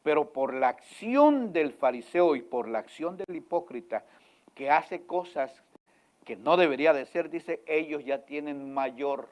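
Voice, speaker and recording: Male pastor, slightly high voice, dramatic loud-to-soft delivery, keeps checking if the congregation follows. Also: expressive, measured pace. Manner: emphatic preaching with sudden swings from loud to hushed; asks the congregation questions again and again. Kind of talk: sermon.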